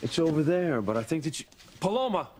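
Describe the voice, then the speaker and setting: A man's voice: fairly high pitch, sing-song, a little fast. An actor playing an attentive, affectionate son in his thirties in a soap opera, casual, hesitant and reassuring. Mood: caring, flustered. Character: attentive, affectionate grown son and protective brother. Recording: clear background noise, clicks.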